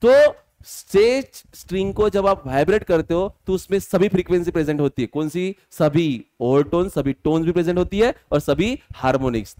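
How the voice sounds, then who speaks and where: A male physics teacher, lecturing a class, quizzing students and slowly dictating formulas. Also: high voice, darkish tone.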